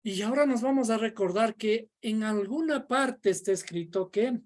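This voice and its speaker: A woman's voice: on the high side, darkish tone. A woman teaching a Bible study class in a classroom, explaining step by step and quizzing her students. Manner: slow, deliberate, quizzing the class. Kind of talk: classroom lecture. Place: classroom, indoors.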